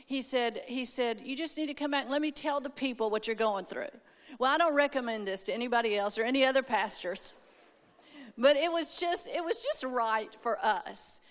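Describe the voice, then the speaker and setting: A woman preaching in a high-pitched voice, telling her story with emphasis and drawing amens from the room. Her words ring out with a long hall reverb behind them. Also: normal speed. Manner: emphatic, calls for amens, tells a personal story. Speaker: speaker at a women's conference. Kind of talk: sermon.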